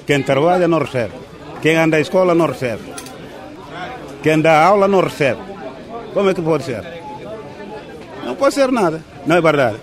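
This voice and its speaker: A man, a bicycle repairer answering street interview questions plainly, often asking "não é?". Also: on the high side. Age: 60s. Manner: plain-spoken, repetitive, often asks "não é?". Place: busy outdoor market. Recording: loud market crowd behind.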